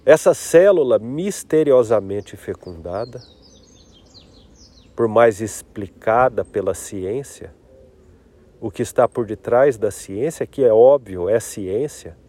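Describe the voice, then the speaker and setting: A man guiding a meditation in an unhurried, drawn-out way. His voice is warm and mellow. He speaks softly and reflectively, with long pauses between phrases. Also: on the low side, expressive. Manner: slow, soft-spoken, reflective. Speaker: meditation guide. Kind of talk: guided meditation.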